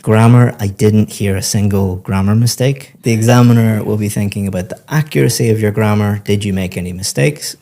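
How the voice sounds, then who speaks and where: A man's voice: lowish voice, brisk, hardly any pauses, dark tone. A man coaching a student on an English speaking test, explaining the results patiently and encouragingly. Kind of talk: spoken feedback to a student.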